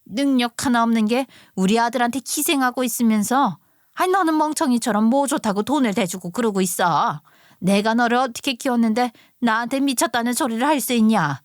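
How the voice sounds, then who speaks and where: A woman's voice: a little high, brisk, no echo, clean studio sound, natural voice. A woman doing a domineering older mother-in-law. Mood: scolding. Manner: scolding, bossy and scornful.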